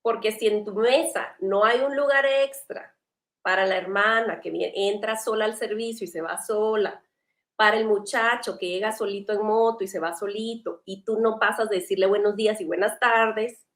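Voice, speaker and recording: A woman's voice: medium pitch, steady tone, moderate pace, a bit bright. Earnest woman in an echoey room. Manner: earnest, conversational, pointed questions. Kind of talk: church panel discussion. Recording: roomy echo.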